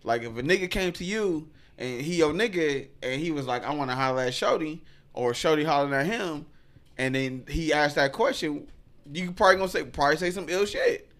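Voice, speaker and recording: A man's voice: on the high side, fairly quick, fairly bright tone. A man co-hosting a podcast, talking bluntly in heavy slang in a casual chat. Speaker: podcast co-host.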